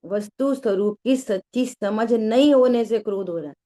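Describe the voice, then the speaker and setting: A middle-aged woman leads a scripture class, weaving a homely parable and stopping often to ask her listeners questions. Her voice sits a little high yet sounds dark and mellow. She acts out the people in her story as she goes. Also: normal speed. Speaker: scripture teacher. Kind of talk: religious discourse.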